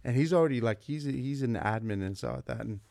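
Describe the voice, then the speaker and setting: A man's voice: mid-range voice, quick pace, creaky, dry recording, studio quality. A man in his forties, a vice principal from California, telling stories in a casual interview and acting out what people said. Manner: animated, acts out quoted dialogue in his stories. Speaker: vice principal, podcast guest.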